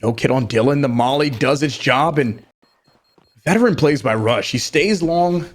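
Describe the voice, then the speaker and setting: A man giving live esports commentary and analysis as a caster, in measured, halting phrases. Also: medium pitch, lively intonation.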